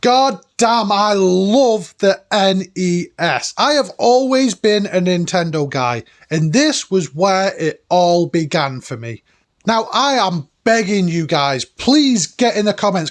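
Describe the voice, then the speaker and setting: A man around forty hosting a retro gaming video with enthusiastic, nostalgic, informal commentary and emphatic delivery. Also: high voice. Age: late 30s to early 40s. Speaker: host of a retro gaming countdown. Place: cabin, indoors.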